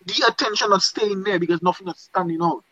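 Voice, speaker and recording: A man's voice: high-pitched, fast talker, pushed and bright, no room sound, highs cut off. A man from Dominica with a Dominican accent, a singer talking casually in an interview and often checking "you understand?". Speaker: singer guest.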